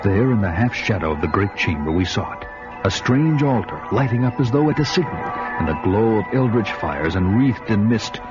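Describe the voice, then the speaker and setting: A man with a lowish, animated voice, close to his everyday one, speaks at a moderate pace as an actor playing a bold barbarian hero. He narrates his adventure in a grandiose, dramatic radio style, ominous and awed, like a storyteller. The recording is dull and band-limited, with music behind him.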